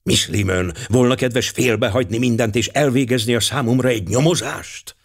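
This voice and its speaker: A man's voice: mid-range voice, natural voice. A man voicing a fussy, vain older male Belgian detective who talks pompously and drops French words. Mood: brisk.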